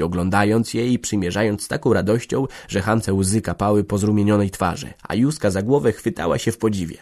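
Low-voiced male storybook narrator. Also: a little mellow. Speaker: audiobook narrator. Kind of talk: scripted literary narration.

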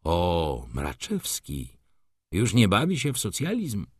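A man's voice: sits low, wildly swooping pitch, slow pace, slightly rough, no echo, studio quality, exaggerated voice. A man voicing a weary, bitter middle-aged male merchant in an audiobook, speaking gloomily and with resignation. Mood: dry, ironic.

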